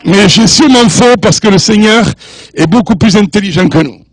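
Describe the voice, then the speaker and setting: A man's voice: high voice, moderate pace, a faint crowd. An older man preaching as a guest in a church, jovial and joking with the congregation, mixing French, English and Spanish. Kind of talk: sermon.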